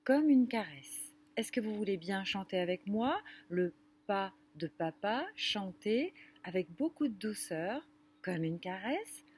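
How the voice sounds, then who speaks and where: A woman leading a children's music lesson, speaking gently and didactically straight to the kids. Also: mid-range voice, lively intonation, slightly rough. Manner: gentle, slow and didactic, addressing children directly. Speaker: music teacher for young children.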